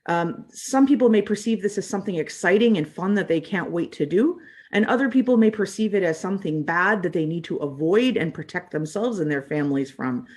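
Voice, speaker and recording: A woman's voice: on the low side, animated, brisk, a little mellow, breathy edge. A woman born in the United States, a refugee services trainer, giving a training talk in an earnest, conversational way with many fillers.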